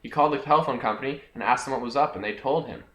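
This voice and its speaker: A man's voice: medium pitch, racing, a bit bright, roomy sound, low-quality recording. A young man hosting a jokey, scripted history lesson, talking back to himself between facts. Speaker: host of a homemade history video.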